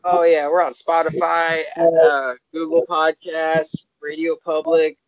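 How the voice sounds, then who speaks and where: A man's voice: a little high, level tone, slow pace, no echo. A man co-hosting a podcast in casual, conversational talk. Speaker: podcast co-host. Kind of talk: casual chat. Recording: dry, slightly muffled mic.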